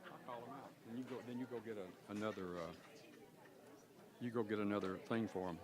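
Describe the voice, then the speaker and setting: A man in his seventies emceeing a class reunion in a school cafeteria, calling raffle numbers slowly in a folksy, joking way. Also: on the low side. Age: 70s. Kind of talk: casual event announcing.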